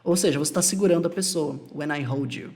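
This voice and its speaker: A man's voice: a little high, quick pace, vocal fry, a little mellow. A Brazilian man giving a casual English lesson, explaining phrases patiently and repeating them. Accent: Brazilian Portuguese. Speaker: English teacher.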